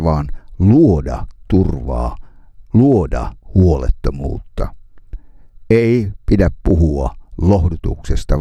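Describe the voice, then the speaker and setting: A man giving a devotional sermon, reading hymn verses, psalms and scripture in a slow, measured way with solemn pauses. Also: low voice, mellow, no echo, clean studio sound. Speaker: preacher.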